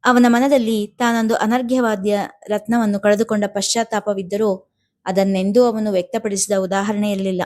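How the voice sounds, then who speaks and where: A woman's voice: medium pitch, fairly even intonation, moderate pace, a little mellow. Woman reading a family drama aloud. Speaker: storyteller. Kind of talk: scripted narration of a serialized family drama.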